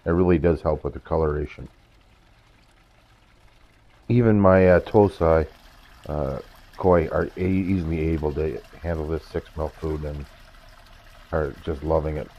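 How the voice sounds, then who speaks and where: An older man with a cold-roughened voice gives a casual, halting review of fish food for his pond, with his voice breaking upward now and then. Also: rumbling low. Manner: halting, pauses mid-sentence to find words. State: hoarse from a cold, voice cracking upward. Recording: dull lo-fi, dry sound.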